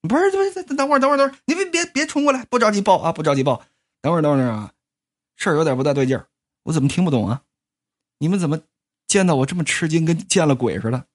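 Woman doing a cocky young guy, swaggering, stammering, lively swooping pitch. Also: very fast. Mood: flustered. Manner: swaggering, quarrelsome, bursts into flustered stammering. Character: brash cocky young man back from the dead. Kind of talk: comic storytelling.

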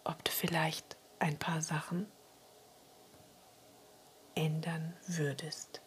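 A woman guiding a relaxation meditation in a soft, soothing spa-like whisper, breathy and husky. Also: sits low, flat delivery, takes it slowly, a little hiss or hum. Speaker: relaxation exercise guide.

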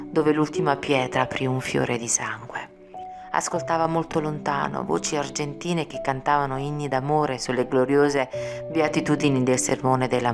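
A woman narrating an audiobook in a measured, solemn reading. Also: very deep voice, creaky. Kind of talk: scripted narration. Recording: music playing behind. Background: music.

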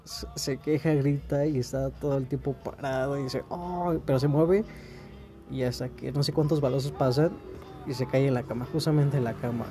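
A man's voice: mid-range voice, fairly even intonation, normal speed, mellow, soft background music. A man with a Mexican accent, talking casually and rambling in a laid-back, slangy way to his listeners. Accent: Mexican Spanish. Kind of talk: casual monologue.

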